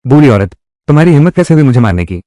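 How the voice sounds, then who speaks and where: A man's voice: medium pitch, sing-song, very fast, dark tone, no room sound, studio quality. A man dubbing all the roles of a drama, with heated, quarrelsome delivery.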